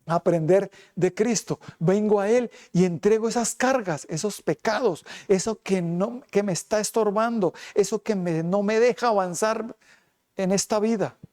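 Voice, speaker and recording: Mellow-voiced man preaching a sermon. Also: high-pitched, moderate pace. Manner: preaching with rhetorical questions. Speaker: pastor.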